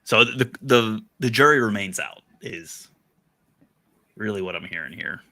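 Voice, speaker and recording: A man's voice: on the low side, animated, a little slow, bright, forceful tone. A man co-hosting a sports podcast in casual chat, playful and teasing with his co-host.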